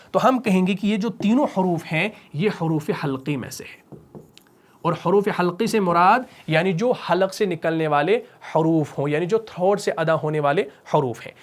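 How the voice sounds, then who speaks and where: A man teaching a Quran recitation lesson, explaining step by step and asking and answering his own questions. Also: sits high. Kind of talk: tajweed lesson.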